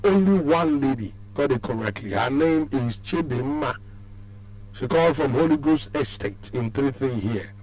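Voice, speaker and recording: A man with a Nigerian accent and a baritone voice, hosting a sports show on radio in a lively, sing-song way, with many fillers and restarts. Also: moderate pace, rough recording. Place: radio studio. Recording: radio stream with faint hum.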